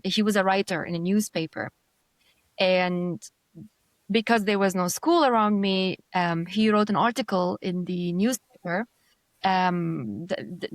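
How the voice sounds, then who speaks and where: A woman from Jordan looks back on her childhood as an interview guest, mid-pitched and unhurried, pausing often with small fillers and restarts. The recording is close and dry, with almost no room sound. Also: dry recording. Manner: reflective, hesitant with many fillers and restarts. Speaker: design executive guest. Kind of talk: conversational interview storytelling.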